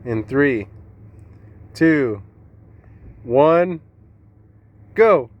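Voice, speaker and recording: Low-voiced, very animated teasing woman. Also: drawn-out words, highs cut off. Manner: egging on, teasing. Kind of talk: casual family vlog chat.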